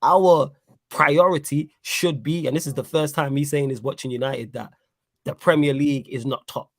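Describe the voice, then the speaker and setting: A man's voice: a little high, steady tone, moderate pace, no room sound, studio quality. A man giving a casual football reaction, emphatic and repeating himself for effect. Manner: emphatic, repeats "you know what I'm saying". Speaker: football pundit.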